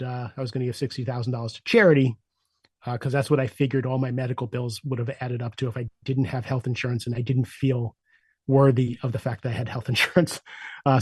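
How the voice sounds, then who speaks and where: A man in his sixties, a podcast guest, telling his personal story candidly and reflectively, with frequent "uh" fillers and a voice that sinks softer at heavy moments. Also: mid-range voice, no echo, clean studio sound. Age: 60s.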